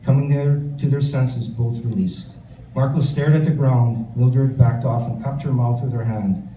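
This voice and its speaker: At a bookstore event, a Canadian author reads from his book and then takes audience questions, with many fillers and restarts. His mid-range voice is warm and measured, captured in a roomy, distant recording with background noise.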